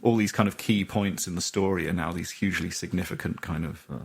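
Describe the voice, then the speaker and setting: A man hosting a podcast in casual chat, reflective, laughing easily and filling pauses with "you know". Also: low voice, gravelly, husky. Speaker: podcast host.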